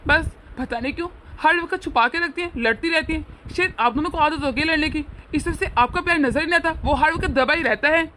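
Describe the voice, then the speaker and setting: A woman voicing a young married son who earnestly pleads with and lectures his family in an animated family drama. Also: sits high, a little fast, few pauses, slight background noise. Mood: lecturing.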